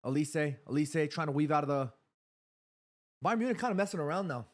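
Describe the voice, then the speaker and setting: A man in his thirties hosting a live football watchalong stream, chatting casually, reading viewer messages aloud and getting excited during attacking moves. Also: a little high, brisk. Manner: chatty, reads viewer chat aloud between play calls.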